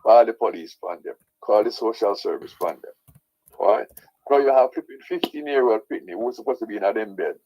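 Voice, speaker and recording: Heated radio show caller. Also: male voice, lowish voice, mellow, husky, low-quality recording. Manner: heated, insistent, repeats "right?".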